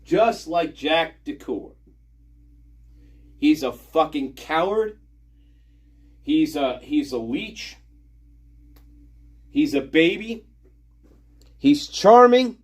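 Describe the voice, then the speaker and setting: A man hosting a livestream rants over a video he plays, profane, heated and repetitive, speaking extremely slowly with long pauses. His voice is a little high, very animated and slightly rough.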